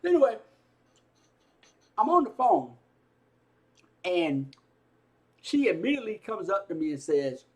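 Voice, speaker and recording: A young man with a fairly high voice tells a story straight to camera. He is animated and exclaiming, repeats himself often, and keeps eating as he talks. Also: unhurried, pauses often. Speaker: YouTube gaming channel host.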